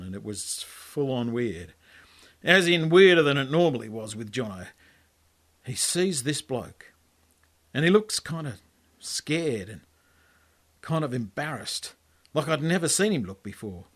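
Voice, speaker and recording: This is a first-person storytelling monologue: an Australian man reading his own casual, laconic yarn. His medium-pitched voice is very animated yet unhurried, with frequent pauses.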